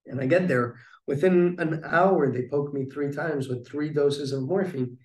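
A man's voice: on the high side, unhurried, a little mellow, distant mic. Earnest man telling his story, roomy echo. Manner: earnest, reflective, many ums and restarts. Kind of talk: storytelling in a conversation.

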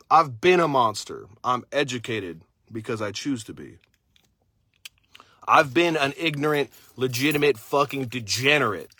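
A man's voice: fairly high pitch, pushed and bright, no room sound, clean studio sound. Intense, profane man giving a motivational rant. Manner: intense, blunt, swears constantly. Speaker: motivational speaker; father.

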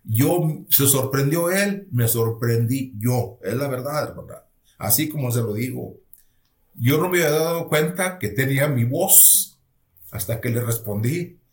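A male pastor tells his personal testimony in an earnest, halting way, often restarting his sentences. His voice sits at an ordinary middle pitch for a man. The recording has a noticeable roomy echo. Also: expressive. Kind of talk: personal testimony told to a listener.

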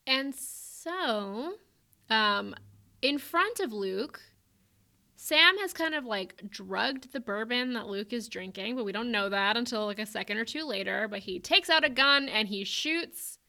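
Young woman, podcast co-host, bright voice, chatty plot recap, lots of ums and likes. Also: on the high side, unhurried. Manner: chatty, animated retelling with frequent fillers. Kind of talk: casual book chat.

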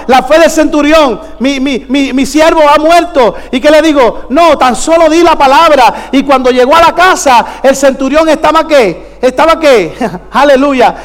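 A man's voice: extremely high pitch, in a large hall. A man preaching a fervent sermon as pastor, calling out to the congregation in a church.

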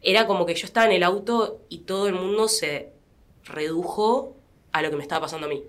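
A young adult woman with an Argentine accent, speaking as an interview guest in a quiet, reflective way with fillers and restarts. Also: fairly low pitch, fairly quick. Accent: Argentine Spanish. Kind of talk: personal testimony in a podcast interview.

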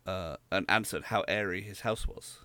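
A man's voice: deep voice, normal speed, background noise. A young man from rural England, co-hosting a podcast in casual, rambling chat. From Southwest England. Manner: rambling, hesitant, explains at length. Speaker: podcast co-host.

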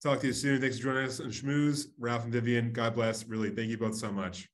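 A man hosting a podcast, asking quick-fire questions in an upbeat way. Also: mid-range voice, little pitch movement. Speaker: podcast host. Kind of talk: podcast interview.

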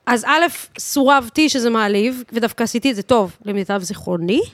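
A woman in her early thirties with a fairly high voice and an Israeli accent. She talks casually and emphatically, peppering her speech with slang and English swear words. The sound is close and dry. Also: no echo. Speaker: guest singer, DJ and voice teacher. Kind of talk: casual podcast chat.

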